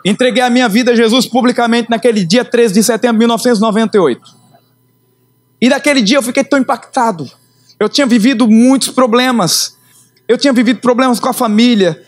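A middle-aged man, preaching his conversion testimony with emotional storytelling that swings in pitch and slows for emphasis. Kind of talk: sermon testimony.

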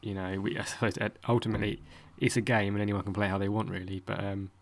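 Podcast host: male, Essex accent, low-pitched voice, informal interview chat. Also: level tone, fast. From Essex, England.

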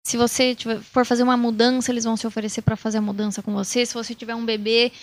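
A woman, a missionary explaining things calmly in a casual talk to the camera. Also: on the high side, very fast.

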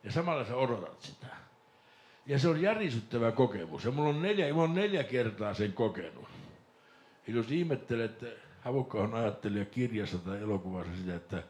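Animated Finnish man telling a story. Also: medium pitch. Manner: animated storyteller, laughs and mimics voices, shouts when excited. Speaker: podcast host. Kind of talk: casual storytelling chat.

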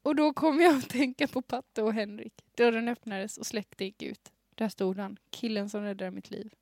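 Reading her own teenage story on her podcast, this young adult host keeps stifling giggles. Her voice is fairly high, steady, and somewhat dark, captured dry through a studio microphone while she wears headphones.

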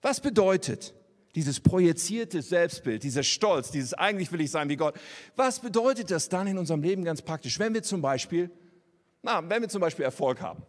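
A man's voice: sits high, expressive, moderate pace, in a large hall. A man preaching a sermon in an earnest, conversational way, speaking directly to his listeners.

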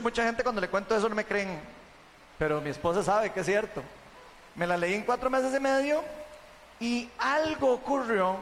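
Un hombre con acento costarricense da su testimonio ante una congregación, contándolo de forma animada y conversada, con muletillas frecuentes. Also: male voice, sits high, big-room sound, a little hiss or hum. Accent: Costa Rican. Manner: chatty, animated storytelling, tags sentences with "¿verdad?". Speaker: church member giving testimony.

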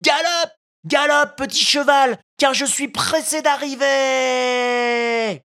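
Woman doing a high-voiced, impulsive wooden puppet boy for a storybook reading, all pleading cries; dry, close sound. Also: unhurried, dry recording. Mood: jubilant.

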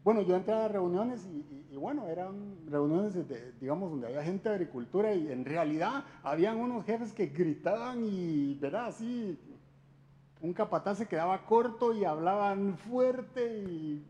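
Man, church talk, casual preaching, rhetorical questions, raised pitch. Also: expressive, moderate pace, dark tone, a little hiss or hum. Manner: chatty, addresses listeners directly with rhetorical questions. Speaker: church speaker. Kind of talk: conversational sermon talk.

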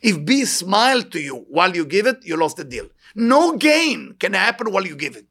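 This Israeli-accented spiritual teacher has a high-sitting voice with big pitch swings, some creak, a bit of brightness and a breathy edge, moving at a moderate pace. Addressing a live audience, he delivers an inspirational talk full of anecdotes, emphatic and fond of repeating short phrases.

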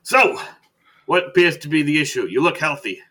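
A loud, crude back-alley doctor with a bright, ringing voice, joking as he pitches his wares, voiced by a man. He talks like a pushy salesman, cheerful and coarse. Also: lively intonation, normal speed. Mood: jovial.

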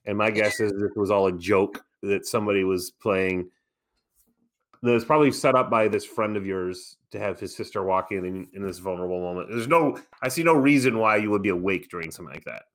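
A man's voice: on the low side, brisk, a bit bright. A man co-hosting a podcast, talking in a casual chat with dry, skeptical teasing. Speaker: podcast co-host.

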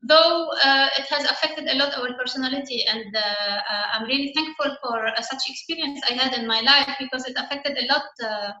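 Woman, 40s, earnest interview guest; sharp, high voice over a roomy, muffled call line. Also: steady tone, fairly quick, hardly any pauses. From Lebanon. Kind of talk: online interview. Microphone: video call. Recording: echoey, dull online call audio.

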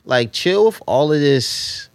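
A man's voice: fairly high pitch, animated, slow, no echo. A man hosting a casual podcast chat, talking in slang and driving points home with repeated rhetorical questions. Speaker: podcast host.

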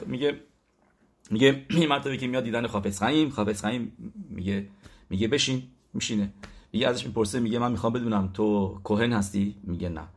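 A man giving a weekly Torah talk. He retells stories, stops to correct himself and search for words, and breaks into loud, emphatic bursts. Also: mid-range voice. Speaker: religious teacher.

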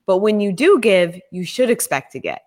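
Earnest woman co-host making a pitch. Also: very animated, moderate pace, darkish tone. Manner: earnest, persuasive, sales-minded. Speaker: podcast co-host. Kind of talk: casual promotional chat.

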